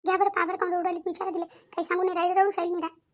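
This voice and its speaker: A woman voicing a loud, bossy village mother in a cartoon, firing off excited questions. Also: very high-pitched. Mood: fussing. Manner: excited, rapid questions, nagging. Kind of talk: cartoon voice acting.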